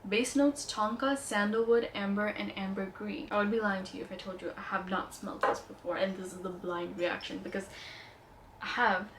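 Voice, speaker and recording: This beauty vlogger, a young woman with a light Indian accent, talks through perfumes in a casual product review. Her mid-range voice is steady and moderately paced, with a little hiss or hum in the recording, and her tone is playful and enthusiastic.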